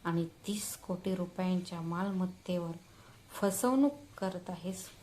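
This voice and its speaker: A woman narrating a scripted family drama story as a channel storyteller, reading in a slow, deliberate, dramatic way. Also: on the low side, dark tone, a little hiss or hum, low-quality recording.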